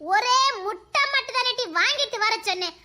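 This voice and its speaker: Casting: a woman playing an exasperated village mother, bright and very high, sharp-tongued. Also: normal speed, full character voice. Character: scolding village mother of three daughters. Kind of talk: homemade village drama.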